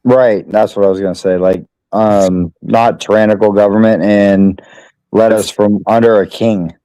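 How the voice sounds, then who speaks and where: A man's voice: on the low side, steady tone, normal speed, warm tone, no echo, low-quality recording. A man in a casual online debate who speaks bluntly and offhandedly.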